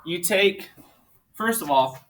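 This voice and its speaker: A man teaching a math class, walking students through problems with brisk, coaxing questions. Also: high voice, lively intonation, a bit bright.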